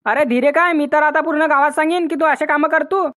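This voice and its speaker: A bossy, scolding cartoon village mother, put on by a man with a high, thin voice. She barks orders and grumbles at everyone around her. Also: steady tone, fairly quick, pushed and bright. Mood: angry. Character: nagging older village mother, sharp-tongued.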